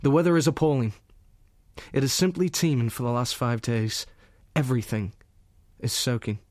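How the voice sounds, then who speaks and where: An actor giving a gentle, earnest reading as a young soldier writing love letters to his sweetheart from the front. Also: medium pitch, normal speed, no echo, studio quality, lightly acted. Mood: tender. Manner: earnest, gentle, softly intimate.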